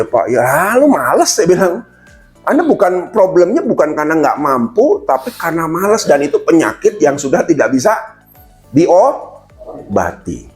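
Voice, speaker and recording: A man giving a motivational seminar talk, addressing the audience directly and acting out little quoted exchanges. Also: fairly high pitch. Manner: lively, addresses listeners as "Pak", acts out quotes. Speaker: motivational speaker.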